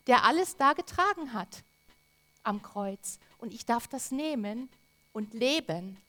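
A woman preaching a sermon, earnest and emphatic, with drawn-out repetitions. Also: a little high.

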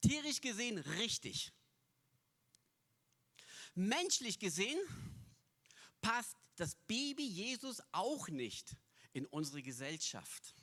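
Male preacher with a high, unhurried voice who tells the sermon like a homely story. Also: sing-song, bright, forceful tone. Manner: folksy storytelling with asides. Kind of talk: Christmas sermon.

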